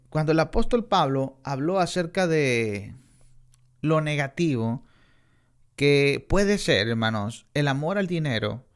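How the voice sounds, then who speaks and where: A middle-aged man preaching a Bible class in a church, earnest and emphatic, often addressing his listeners as brothers. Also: fairly high pitch. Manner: earnest, repeats "hermanos" often, emphatic rises on key words. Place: church in Texas.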